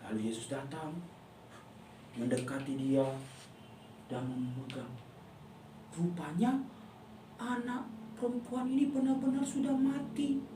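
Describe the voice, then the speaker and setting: A woman tells a Bible story to children as a Sunday school teacher, her storytelling lively and full of acted-out voices. Her voice sits in the middle range, heard from a distance in an echoey room, with faint noise behind her. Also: fairly low pitch, measured pace, long pauses. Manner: animated storytelling, acting out voices.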